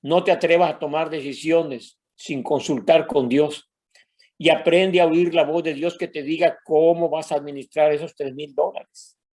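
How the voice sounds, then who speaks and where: A man's voice: fairly high pitch, fairly even intonation, normal speed, a little mellow. An older man from Mexico with a Mexican Spanish accent, a pastor telling a personal story in a sermon and addressing the congregation as brothers.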